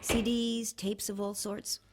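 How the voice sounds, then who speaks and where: A woman's voice: mid-range voice, little pitch movement, slow pace, background noise, natural voice. A woman playing a wary, reluctant young travelling companion in an audio drama, anxious and questioning. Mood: wary, uneasy. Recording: music underneath.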